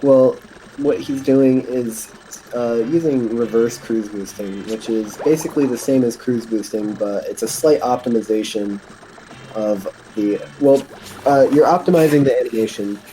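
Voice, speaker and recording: A man's voice: mid-range voice, moderate pace, warm tone, slight background noise, poor audio. A man commentating on a live speedrun, explaining a trick in a hesitant way with many fillers and restarts.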